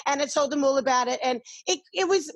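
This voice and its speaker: A woman's voice: high-pitched, quick pace, dry recording. A middle-aged Australian woman chatting candidly, swearing freely and acting out what others said. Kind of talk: casual chat.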